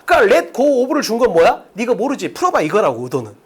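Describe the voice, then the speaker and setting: A woman teaching English for an exam at a blackboard. She talks briskly and emphatically, asks questions and answers them herself, and acts out quoted speakers in a raised voice. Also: fairly high pitch, wildly swooping pitch, husky. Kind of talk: exam-prep lecture at a blackboard.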